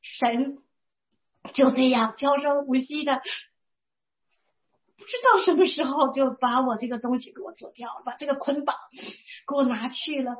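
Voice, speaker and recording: A woman's voice: sits high, moderate pace, long pauses, lo-fi sound. A woman in her sixties from Northeast China, speaking with a Northeastern Mandarin accent, gives an earnest, emotional religious testimony. She rises with fervor as she recalls her prayers. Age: 60s. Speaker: church member giving testimony.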